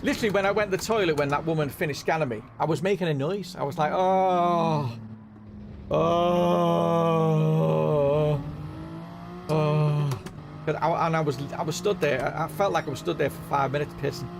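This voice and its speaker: A chatty middle-aged man tells a story to his live-stream viewers. His voice is a touch high for a man and gravelly. Car engine sounds hum loudly behind him on the recording. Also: very fast, few pauses. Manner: chatty, keeps adding "right?" and "you know what I mean?". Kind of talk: casual anecdote telling.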